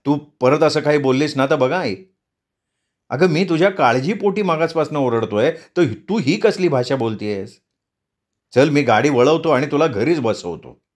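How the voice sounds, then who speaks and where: A man's voice: fairly high pitch, animated, normal speed, close to an everyday voice. A man voicing an impatient grown son who scolds his mother, in a read-aloud story. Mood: stern. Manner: scolding, nagging.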